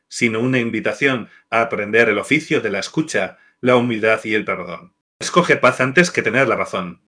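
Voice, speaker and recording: A man narrating scripted devotional marriage advice in an even, measured list-reading delivery. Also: medium pitch.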